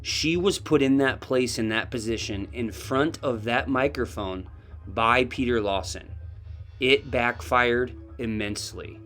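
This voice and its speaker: A man's voice: mid-range voice, measured pace, fairly bright tone, soft background music. A man delivering scripted true crime commentary, pressing skeptical questions with pointed emphasis.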